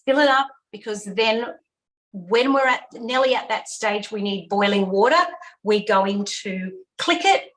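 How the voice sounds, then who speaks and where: A woman's voice: medium pitch, a little slow, a bit bright, rough recording. A woman hosting an online cooking lesson for kids, chatty, repeating key steps with fillers, on a video call. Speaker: cooking class host.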